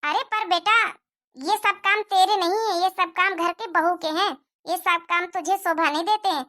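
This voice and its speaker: A woman's voice: very high-pitched, steady tone, moderate pace, bright, forceful tone, no echo, clean studio sound. A woman voicing a nagging cartoon mother-in-law. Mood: scolding. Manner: scolding, complaining at length. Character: nagging middle-aged mother-in-law, jealous of her son's wife. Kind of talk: Hindi cartoon moral-story voice acting.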